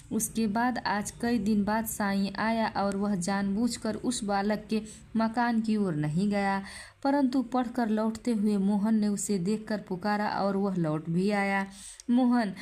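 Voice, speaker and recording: A woman narrating a short story aloud in a calm, measured reading. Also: mid-range voice.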